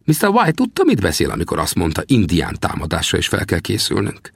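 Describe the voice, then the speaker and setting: A man's voice: sits low, huge pitch swings, vocal fry, breathy edge, no echo, full character voice. A man voicing a teasing old male frontier trapper in an audiobook, with a mocking, cackling manner.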